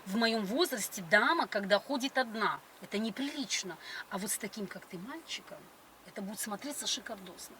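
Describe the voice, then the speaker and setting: A woman's voice: mid-range voice, expressive, a little fast, fairly bright tone. A middle-aged woman chatting on a date in a grand, coquettish and condescending manner. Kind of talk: casual date chat. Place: inside a car. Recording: noisy car interior.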